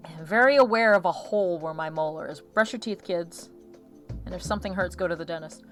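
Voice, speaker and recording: A woman streamer hosts an art livestream with a lo-fi music track playing behind her. Her voice is fairly low and fairly quick, with a slight lisp caused by a missing molar. She rambles chattily and keeps interrupting herself.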